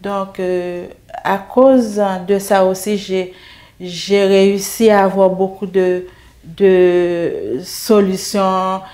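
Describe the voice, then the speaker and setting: A middle-aged woman speaks slowly and evenly, her voice mellow and dark with little rise or fall. She shares an earnest faith testimony, hesitating and repeating words as she gathers her thoughts. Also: mid-range voice, little pitch movement. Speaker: interview guest giving a testimony.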